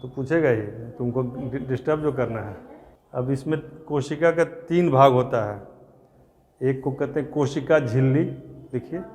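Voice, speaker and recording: Male classroom teacher, mid pitch, drills terms, quizzes and scolds, reverberant room. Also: darkish tone, a little hiss or hum. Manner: repeats terms slowly, quizzes and scolds students. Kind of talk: classroom lecture to exam students.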